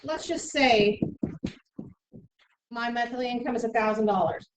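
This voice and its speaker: A woman teaching a middle school math class, briskly explaining steps and checking in with "okay?" often. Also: a little high. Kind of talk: classroom instruction. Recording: echoey room, mic far off, faint noise.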